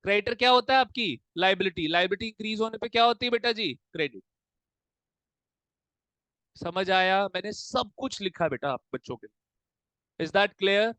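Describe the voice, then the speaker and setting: A man teaching a class of commerce students, with a fairly high voice and a dry, close sound. He drills them with rapid question-and-answer exchanges and addresses them in a fatherly, familiar way. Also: lively intonation, bright, forceful tone, no echo, rough recording. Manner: fatherly, calls students "beta". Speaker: commerce tutor. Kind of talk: classroom lecture mixing Hindi and English. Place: coaching classroom.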